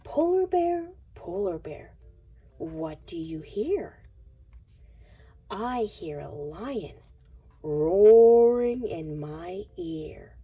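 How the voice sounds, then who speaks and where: Casting: female picture-book reader, extremely slow and very mellow, sing-song, sometimes near whispering. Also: mid-range voice, big pitch swings, breathy edge, faint music behind. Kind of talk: expressive picture-book read-aloud for young children.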